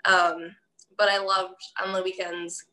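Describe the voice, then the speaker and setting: A young woman from the Milwaukee area, USA, chats casually as an interview guest, giggling and saying "like" a lot. Her voice sits on the low side, bright and forceful yet flat and unhurried, in a rough recording.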